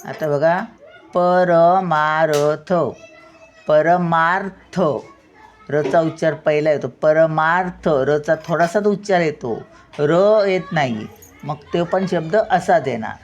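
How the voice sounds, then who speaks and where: Slow, low-voiced older woman teacher. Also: darkish tone, dull audio, slight background noise. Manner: slow, patient, sounds words out syllable by syllable. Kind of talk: spelling lesson.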